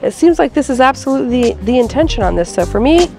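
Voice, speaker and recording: A woman's voice: high voice, animated, fast talker, gravelly, warm tone, soft background music. Chatty woman reviewing festival food. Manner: chatty, lots of "like" fillers. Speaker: food vlogger. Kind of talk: casual food review chat.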